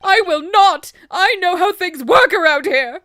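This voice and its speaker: A woman's voice: very high voice, expressive, measured pace, pushed and bright, no echo, clean studio sound, pitched above the performer's own voice, exaggerated voice. A woman voicing a hot-headed young male sportsman prosecutor in a video game, whiny, brash and accusatory. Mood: indignant accusing.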